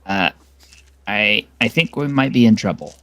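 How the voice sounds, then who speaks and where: A man narrating a tabletop game as game master, hesitant and halting with frequent fillers. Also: fairly low pitch, lively intonation, fairly bright tone, no echo.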